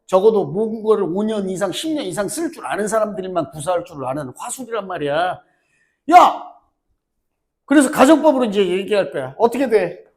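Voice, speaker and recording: Animated male teacher teasing his class. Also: high voice. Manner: teasing, animated, banters with students. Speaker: high school English teacher. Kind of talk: classroom lecture.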